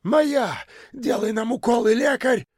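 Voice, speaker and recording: A man voicing a tall, excitable vagrant who gushes and yells, in a story reading. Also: very high-pitched, unhurried, dry recording, clean studio sound, voice pushed up. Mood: yelling. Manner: rapturous, then yelling.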